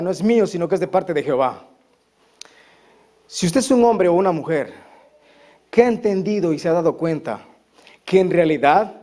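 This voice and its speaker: A man preaching at a church service with a strikingly high voice for a man. He stacks phrase on phrase in an emphatic, repetitive preaching cadence, pressing each point home. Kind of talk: sermon.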